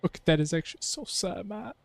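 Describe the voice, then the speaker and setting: A man's voice: sits high, animated, fairly quick, creaky. A young man streaming a game, giving casual, emotional commentary and often tagging "man" onto his sentences. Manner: emotional, keeps saying "man".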